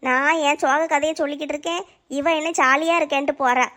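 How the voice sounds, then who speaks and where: A woman's voice: sits high, steady tone, quick pace, bright, forceful tone. A woman doing a grumbling old grandmother. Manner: complaining, scolding.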